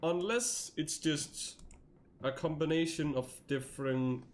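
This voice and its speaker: A man's voice: takes it slowly, a little hiss or hum. A man streaming a horror game, talking in a rambling, casual way and laughing often. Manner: rambling, laughs often, jumps to high yelps. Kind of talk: casual gameplay commentary.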